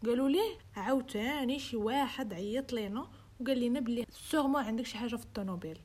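A woman's voice: fairly high pitch, fast talker, a little mellow, breathy edge. A young woman with a Moroccan accent telling a true-crime story in casual chat, switching into English and acting out the quoted dialogue. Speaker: host.

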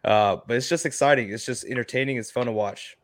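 A man's voice: mid-range voice, fast talker, no room sound. Blunt, opinionated man in a dry close recording. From New York. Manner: emphatic, blunt. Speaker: sports panelist. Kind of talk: casual sports talk, opinionated.

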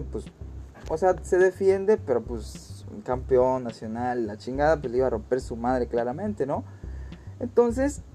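A man with a Mexican accent telling a story casually, in an animated way, with a lot of crude slang. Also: on the high side. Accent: Mexican Spanish.

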